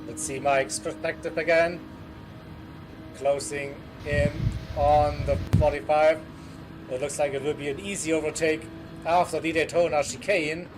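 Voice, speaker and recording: A man with a German accent, a native German speaker, doing relaxed, chatty live commentary on a sim race. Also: fairly high pitch, unhurried, music in the background. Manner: relaxed, chatty, laughs often. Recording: clear background noise.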